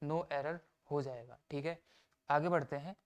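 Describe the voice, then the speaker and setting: A man teaching an exam-prep grammar lesson, explaining step by step, reading example sentences out slowly and answering his own questions. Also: on the high side, clear, resonant tone. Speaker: English teacher.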